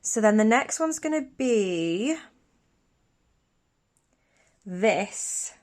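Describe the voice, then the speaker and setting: Filming a nail tutorial in her bedroom, a young woman with a mild, sniffly cold chats casually and bubbles along, often restarting mid-sentence. She speaks very slowly in a mid-range, darkish voice with big pitch swings.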